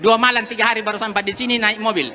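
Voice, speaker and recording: A man's voice: sits high, steady tone, rapid-fire, crowd noise. A man speaking earnestly as a farmer group representative, addressing an official at a public forum. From South Sulawesi, Indonesia. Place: outdoors.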